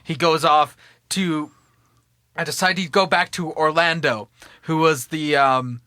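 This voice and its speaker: A man co-hosting a podcast who casually pitches a comic movie plot, rambling, laughing often and correcting himself. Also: steady tone, unhurried, bright, forceful tone, no room sound, studio quality. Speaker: podcast co-host.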